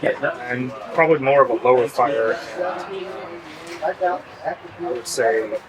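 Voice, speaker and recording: A man's voice: mid-range voice, slow pace, rough recording. Man explaining kilns amid a crowd. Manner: relaxed, explanatory, laughs easily. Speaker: potter and kiln site host. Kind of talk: casual interview. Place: outdoors at a kiln festival. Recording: outdoor festival with crowd behind.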